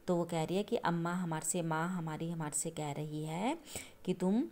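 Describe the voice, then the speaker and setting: Woman, schoolteacher, slightly low voice, explaining to young children, patient, repetitive, frequent check-ins. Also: steady tone, moderate pace, a little mellow. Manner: addresses listeners as children.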